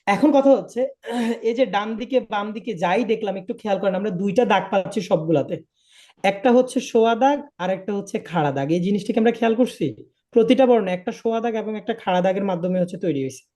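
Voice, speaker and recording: A man's voice: high-pitched, fast talker, warm tone. A man teaching a live online language class, patiently repeating each point and checking that students follow. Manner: patient, drills by repetition and checks understanding.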